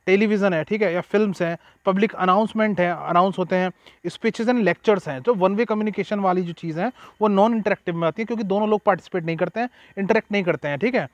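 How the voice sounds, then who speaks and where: A high-voiced man gives an exam-prep lecture. He reads notes slowly and then explains them, often adding "ठीक है". The sound is close and completely dry, with no room in it. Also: dry recording, lo-fi sound. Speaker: teacher.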